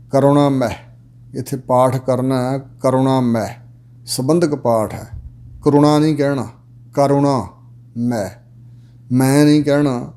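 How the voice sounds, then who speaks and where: A man expounding scripture, chanting each verse slowly and then explaining it word by word. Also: mid-range voice, mellow. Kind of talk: religious exposition.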